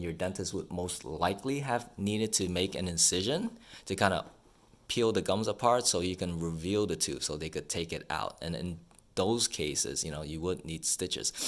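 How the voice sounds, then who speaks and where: A man explaining a dental matter in a casual, conversational way, feeling out his phrasing as he goes and often checking in with the listener. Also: sits low. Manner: conversational, hesitant, checks in with "right?". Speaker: dental professional explaining to patients.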